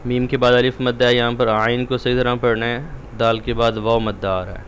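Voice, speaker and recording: A man teaching a Quran recitation lesson. He explains the rules quickly and recites the words slowly, drawing them out. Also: mid-range voice, flat delivery, slight background noise. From Pakistan.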